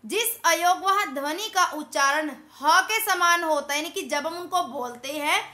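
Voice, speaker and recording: A woman's voice: very high voice, unhurried, pushed and bright. A woman teacher explaining a grammar lesson to children step by step, repeating words and asking questions back.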